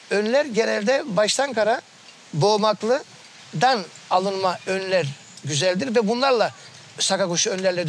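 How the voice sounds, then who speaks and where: High-voiced man explaining birdsong. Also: fairly bright tone, slight background noise. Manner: explanatory, imitates birdsong calls. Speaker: goldfinch keeper. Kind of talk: documentary interview.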